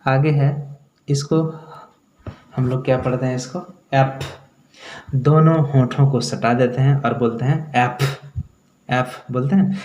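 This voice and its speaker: A man teaching English pronunciation, speaking slowly and repeating each sound, often checking in with the viewer. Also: mid-range voice, a little mellow. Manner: slow, repeats sounds several times for the viewer. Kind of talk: pronunciation lesson. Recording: echoey room.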